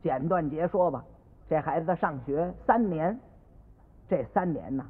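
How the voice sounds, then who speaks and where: A man narrating a comic monologue in a lively way, shifting into different voices for each character. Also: on the high side, a little slow. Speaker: comic storyteller. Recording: tinny old radio recording with long reverb.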